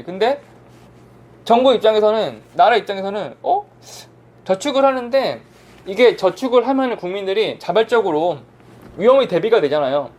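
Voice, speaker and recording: A man's voice: sits high, darkish tone. A man teaching an online insurance exam prep lecture, casually asking and answering his own questions.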